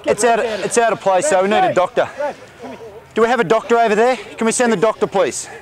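A man's voice: sits high, fast talker. A man refereeing rugby outdoors, giving short calls and instructions into a body-worn mic. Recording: outdoor field with crowd noise.

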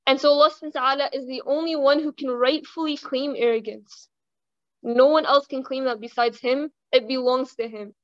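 A young woman giving a casual religious reminder, chatting with the audience, asking them questions and reciting Arabic quickly. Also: sits high, steady tone, dry recording. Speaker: Islamic reminder speaker. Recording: dull lo-fi dry sound.

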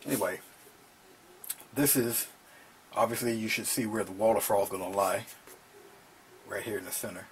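With long pauses and a moderate pace, a middle-aged man gives a laid-back painting lesson from his small home studio, talking as he works and often lowering to a murmur over the brush. A slight hiss or hum is audible.

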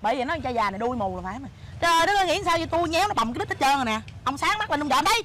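A bright, high-pitched wife, as a woman acts her out fires off quick nagging retorts. She plays a sharp-tongued beggar in a stage comedy sketch, with faint noise behind. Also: animated. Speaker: comic actor.

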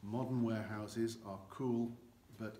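An older man speaks a little slowly in a fairly low, dark voice with fairly even intonation, explaining how cognac is aged. As a guide in a dim barrel warehouse with an earthen floor, he gestures with both hands while talking. A camera a few meters away records the echoey scene, which has faint noise.

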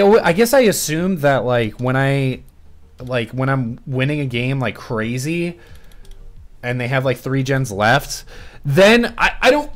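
A young man streaming a game, rambling and swearing as he talks to his chat in casual commentary. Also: on the high side.

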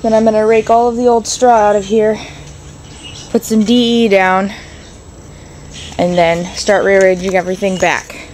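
A young woman's mid-range voice stays level as she gives a casual vlog tour of her rabbit barn, walking through straw-lined rooms and out into the yard. She talks at normal speed but leaves long pauses, and she thinks aloud with many ums. Her tone is darkish, and the handheld phone picks up a little hiss or hum.

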